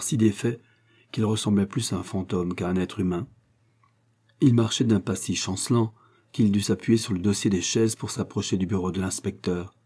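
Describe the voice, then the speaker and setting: Male audiobook reader, low, dark, husky tone, measured. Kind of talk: audiobook narration.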